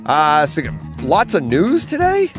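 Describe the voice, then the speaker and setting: A middle-aged man co-hosting a casual podcast from a comic bookstore, telling an animated story and laughing often. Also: a little high, measured pace, music in the background. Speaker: podcast co-host.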